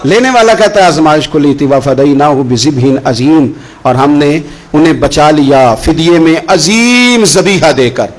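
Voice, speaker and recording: A male preacher telling a religious story with passion, slowing into chanted recitation of verses. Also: fairly high pitch, expressive, low-quality recording. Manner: impassioned, slow chanted Quran recitation between stories. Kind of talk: Urdu sermon storytelling.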